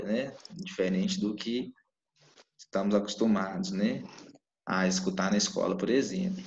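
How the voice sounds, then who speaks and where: A man's voice: lowish voice, gravelly, darkish tone, a little hiss or hum. A man teaching a live online class, checking in with his students with "né?" and "tá?" as he explains. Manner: explains with frequent "né?" and "tá?" check-ins. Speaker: Portuguese teacher. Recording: echoey room, dull lo-fi mic.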